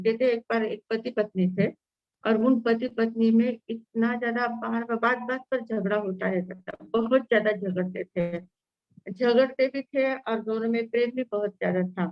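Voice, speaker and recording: A woman's voice: on the high side, normal speed, no room sound, lo-fi sound. A woman giving a sermon over an online call, telling a story with many fillers and restarts. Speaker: Jain nun teaching scripture. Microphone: online video call.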